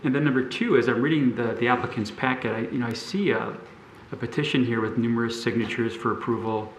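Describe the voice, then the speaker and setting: A man on a city zoning board asking questions and discussing a case, thoughtful and halting, often restarting his sentences. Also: mid-range voice, echoey room, a little hiss or hum, poor audio.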